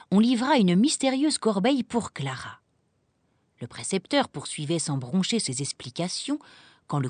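A woman narrating a children's storybook, reading in an expressive, animated way. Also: mid-range voice, dry recording.

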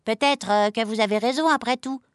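A woman's voice: fairly quick, clean tone, no echo, studio quality, natural voice. A woman voicing a fussy, irritable male rabbit who exclaims and scolds in a raised voice, in a storybook reading. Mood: sheepish. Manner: high-strung, exclaiming, scolding.

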